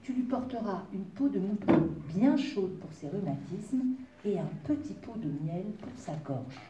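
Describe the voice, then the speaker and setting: A woman's voice: mid-range voice, lively intonation, a little slow, very noisy, close to an everyday voice. A woman voicing a caring, protective mother wolf who gives her son firm warnings. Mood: cautioning. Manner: firm, cautioning. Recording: roomy, distant, faint ambience.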